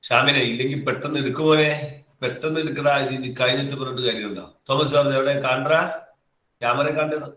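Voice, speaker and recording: A man's voice: mid-range voice, fairly even intonation, quick pace, a bit bright, muffled recording. A man teaching a physics class live online. He calls on students by name, coaxes answers out of them and repeats key phrases over and over. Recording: echoey room, mic far off.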